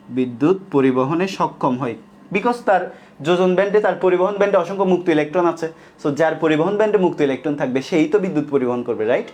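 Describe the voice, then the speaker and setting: A young man teaching an online class, speaking slowly and repeating each line so students can copy it, often asking a question and answering it himself. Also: on the high side. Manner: slow dictation, repeating lines and asking then answering his own questions.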